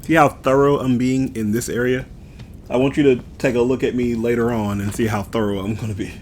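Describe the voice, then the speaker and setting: A man's voice: mid-range voice, fairly even intonation, brisk, a little mellow, slight background noise. A man casually commenting on his own gameplay, playful and jokey, talking straight to his viewers. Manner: playful, jokey, talks to viewers, drifts into sing-song bits. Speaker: gameplay streamer.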